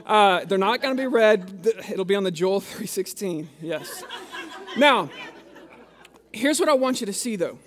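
A pastor with a high voice delivers a sermon. He preaches conversationally, slipping in jokes and restarting his sentences as he goes. He sounds middle-aged.

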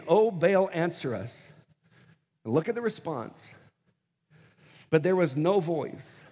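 A man preaching a sermon as pastor, moving between hushed, slow prayer and loud, quick bursts, acting out scripture scenes in mock voices. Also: high voice, in a large hall. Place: church auditorium.

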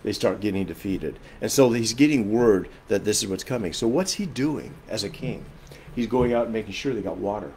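A man preaching a sermon as pastor, earnest and emphatic, swinging between loud and soft and often repeating phrases as he explains. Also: lowish voice, expressive, a little fast, slight background noise.

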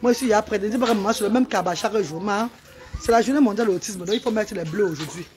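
A woman's voice: medium pitch, very fast, a little mellow, slight background noise. A woman hosting a casual live stream at a charity event, chatty and calling out praise and instructions.

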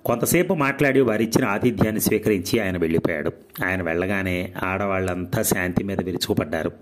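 Deep-voiced man reading a novel aloud. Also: fast talker. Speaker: narrator.

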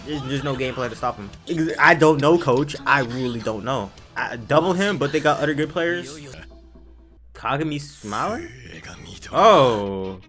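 A man reacting to an anime episode in casual slangy commentary, swinging from low mutters to shouts of disbelief. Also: a little slow, faint music behind. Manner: excitable, bursts into shouts of disbelief; slangy, says "bro" constantly.

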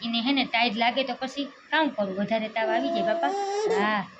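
A woman's voice: a little high, normal speed. A young woman, chatting casually at home as a mother in a family vlog and fussing over her little daughter. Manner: chatty, doting, talks to her small daughter. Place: home, indoors. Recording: dull muffled home audio with loud background noise.

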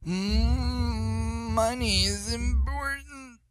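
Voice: mid-range voice, steady tone, music in the background. A performer voicing a hesitant household butler who hums and halts before every answer. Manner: slow, halting, humming before each answer.

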